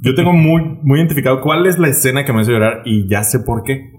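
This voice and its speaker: A man with a Mexican accent, co-hosting a casual chat, joking and throwing in quick remarks. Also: medium pitch, steady tone. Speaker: podcast co-host.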